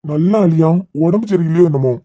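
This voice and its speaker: Stern cartoon elder voiced by a woman, quick curt delivery, dry close sound, Kanyakumari accent. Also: sits low, lively intonation, dark tone, no echo, muffled recording. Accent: Kanyakumari Tamil. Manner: curt, telling others to shut up. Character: protective elder of the family, stern. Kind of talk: cartoon serial voice acting.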